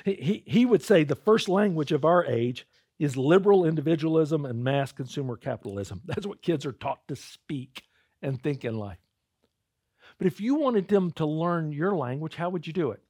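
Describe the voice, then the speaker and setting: A male pastor delivers a conversational sermon, calling his listeners "guys" and sometimes repeating words as he starts a thought. His voice is fairly high with a darkish tone, in a studio-quality recording with no room sound.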